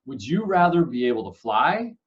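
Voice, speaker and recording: A man's voice: medium pitch, sing-song, normal speed, lo-fi sound. A young man hosting a casual interview for kids, friendly and upbeat with joking asides. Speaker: host, school staff member.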